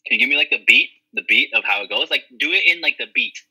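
A man's voice: mid-range voice, lively intonation, fast, bright, forceful tone, slightly rough, rough recording. A man answering quiz questions in a laid-back, slangy, playfully self-mocking way. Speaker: quiz contestant. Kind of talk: casual chat.

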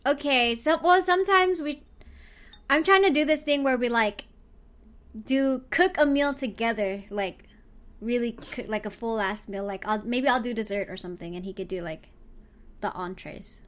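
A woman co-hosting a casual streamed chat show, leaning hard into a playful Valley Girl voice. Her voice sits a little high, and she rambles and giggles through her stories. The talk is loose and unscripted. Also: moderate pace. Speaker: co-host of a live-streamed podcast.

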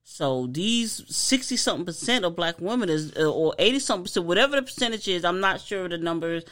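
A woman's voice: lowish voice, expressive, fast, a bit bright. A woman co-hosting a casual podcast, giving earnest advice and often restarting her sentences. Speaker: podcast co-host.

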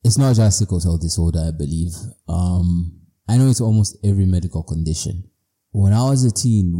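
A man's voice: deep voice, dark tone. A man from Zimbabwe, hosting a podcast in a reflective personal monologue, playful and self-mocking. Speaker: podcast host.

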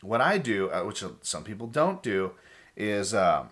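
A man's voice: fairly low pitch, very animated, a little slow, a bit bright. A man chatting casually and bluntly, with heavy swearing. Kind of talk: casual chat.

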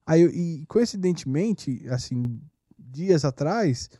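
A man's voice: on the high side, lively intonation, takes it slowly, mellow, no echo, clean studio sound. A man with a Brazilian Portuguese accent, a podcast host telling a personal story in casual chat, stringing events with "aí". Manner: anecdotal, storytelling with fillers like "aí" and "tal".

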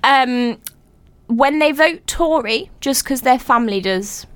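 A British woman hosting a casual radio chat, with a teasing, expressive way of talking. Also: high-pitched, slow, clean tone. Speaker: radio host and podcast presenter.

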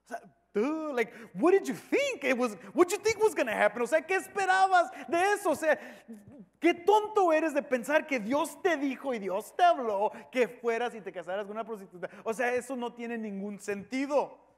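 A man's voice: sits high, very animated, very fast, few pauses, in a large hall. A man voicing a mocking onlooker who jeers at a prophet and slips into English slang. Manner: scoffing, mixes in English slang.

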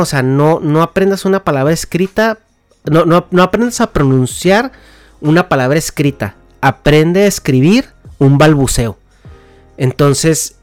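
A man with a Mexican Spanish accent and a slightly high voice hosts a podcast, explaining things casually with slang, fillers and restarts. There is no room sound.

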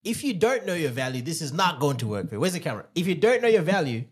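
A man's voice: on the high side, very animated, fast, slightly rough. An Australian man, a podcast co-host and former dating coach, making emphatic, repeated points and telling stories in casual chat.

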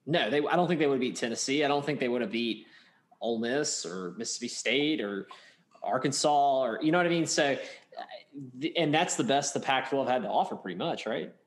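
A man's voice: mid-range voice, animated, a little fast. A man co-hosting a casual sports chat, rambling with many restarts and plenty of fan enthusiasm. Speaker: podcast co-host.

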